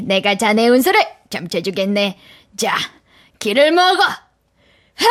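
A woman voicing a blind old fortune-teller in a radio drama reading, bossy and sing-song. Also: a little high. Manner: sing-song chanting, exclamatory.

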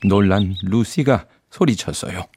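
A man reads a storybook as its narrator. His voice is fairly low, with a clear creak at the edges. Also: unhurried, a little mellow, no room sound, clean studio sound.

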